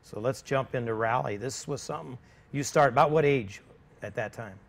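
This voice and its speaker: A man's voice: mid-range voice, moderate pace, vocal fry. A man hosting a racing talk show, chatty and loose as he interviews his guest. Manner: chatty, loose, leans on filler phrases. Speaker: show host. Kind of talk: casual TV interview.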